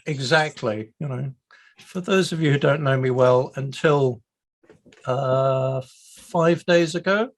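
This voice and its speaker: A British man with a mid-range voice speaks slowly while hosting an online meetup on a video call. He's chatty and pokes fun at himself in this casual meetup chat.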